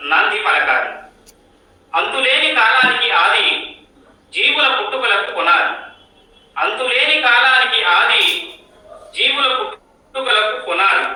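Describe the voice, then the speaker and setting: Poet, male, sung recitation with repeated lines, sharp bright tone. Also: high-pitched, slight background noise. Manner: singing verses, each line repeated. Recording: echoey hall from far off.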